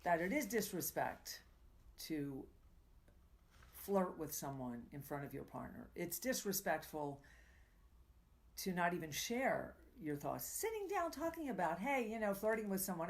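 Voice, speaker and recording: Fast-talking woman coaching live. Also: on the low side. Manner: fast, rambling, with self-corrections and quoted readings. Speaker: tantra coach. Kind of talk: live-streamed coaching talk.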